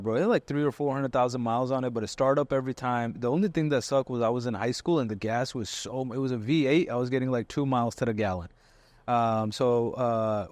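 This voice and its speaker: A man's voice: medium pitch, no echo. A young man co-hosting a car podcast, talking casually and emphatically, full of slang. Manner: animated, emphatic, slangy with "bro". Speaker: podcast co-host. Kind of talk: casual chat.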